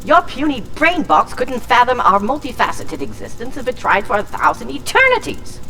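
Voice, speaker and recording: An unhinged, ranting villain, the mad voice of an alien crystal. It lurches wildly up and down with piercing, theatrical grandiosity. The audio drama recording sits off the mic with slight noise. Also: female voice, high voice, big pitch swings, normal speed, sharp tone, far from the mic, full character voice. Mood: mocking, manic. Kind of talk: full cast audio drama acting.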